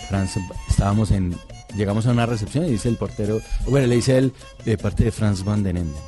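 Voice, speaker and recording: A man's voice: on the low side, brisk, warm tone, faint music behind. A man, a guest actor chatting casually on a radio show and telling stories in a laid-back, joking way.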